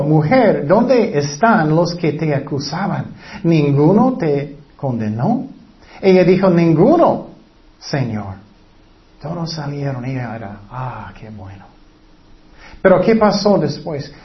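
A man with a fairly high voice delivers a sermon at an unhurried, deliberate pace. He keeps turning to the congregation with rhetorical questions as he retells a scripture story, and the recording sounds dull and lo-fi. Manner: asks the listeners many rhetorical questions. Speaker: preacher.

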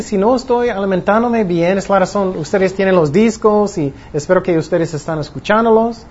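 A man's voice: high-pitched, a little mellow, breathy edge. A man preaching a sermon with a plain teaching tone, asking his listeners rhetorical questions and acting out the worried voices in their heads. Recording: dull lo-fi recording with faint noise.

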